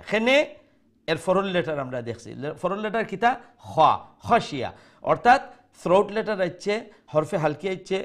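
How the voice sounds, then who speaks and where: A man teaching Quran recitation rules live, explaining slowly and reciting words in a sung tone. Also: a little high. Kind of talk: live tajweed lesson, switching between Bengali and English.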